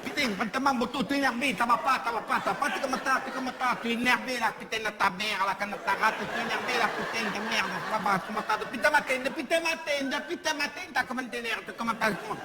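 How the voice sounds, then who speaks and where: A comedian from Marseille voicing an excitable man who speaks in rapid, repetitive Marseille slang, in a high agitated voice. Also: over a noisy crowd, very noisy.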